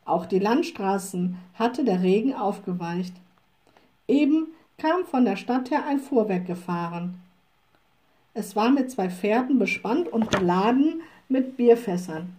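A woman narrating a children's audiobook with calm, measured storytelling. Her voice is mellow and warm, pitched a little above average. She keeps a steady, even delivery from line to line.

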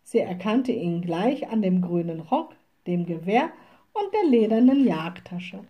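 A woman reading a children's storybook aloud in a calm, clear way. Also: medium pitch, a little slow, muffled recording. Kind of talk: read-aloud storybook narration.

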